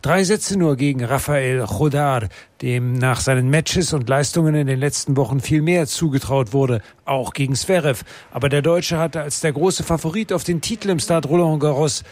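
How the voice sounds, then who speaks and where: A man delivering a scripted sports report with lively, emphatic narration. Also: a little high, normal speed, no echo.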